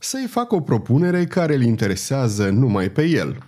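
Proud male knight, haughty courtesy, wry calm, dark mellow tone, man reading. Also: mid-range voice. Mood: courtly. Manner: polite but haughty, smiling.

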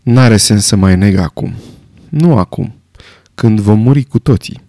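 A man reading the part of an old army general, speaking quietly, gravely and reflectively. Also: on the low side, lively intonation, dry recording, studio quality. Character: old male army general, calm, weary, haunted.

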